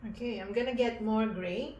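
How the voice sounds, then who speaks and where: A woman giving a casual painting tutorial, thinking aloud in short, halting phrases as she works. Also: a little high, a little mellow, dull audio, a little hiss or hum. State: breathing heavily. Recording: echoey room with faint ambience.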